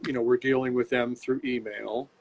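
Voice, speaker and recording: The recording is low quality: an older man with a mid-range, slightly mellow voice talks at normal speed with little pitch movement. He's a bootmaker who runs a shop, interviewed casually by video call in his home workshop, where he rambles, repeats himself, and restarts sentences.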